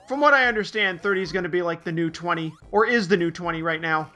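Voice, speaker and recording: A man's voice: high-pitched, fast talker, pushed and bright, muffled recording, faint music behind. A man in his late twenties chatting casually as a let's play commentator, rambling with lots of hesitations. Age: late 20s. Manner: rambling, hesitant, full of fillers. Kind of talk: casual game commentary chat.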